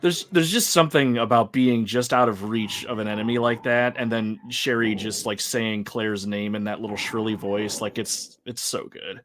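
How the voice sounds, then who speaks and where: A man's voice: fairly low pitch, fairly even intonation, normal speed, few pauses, fairly bright tone, soft background music. A man giving casual, rambling gameplay commentary on a livestream, laughing and talking to his chat. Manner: chatty, rambling, laughs often, talks to chat.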